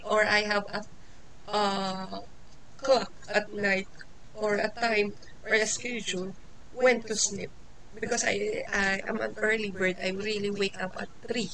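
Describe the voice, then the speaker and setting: Speaking at a measured pace in a flat, mid-range voice, this woman teaches an informal English lesson; she is Filipino, in her forties, with Tagalog as her first language. Crowd noise and poor audio accompany her talk, which is peppered with fillers, restarts and small laughs.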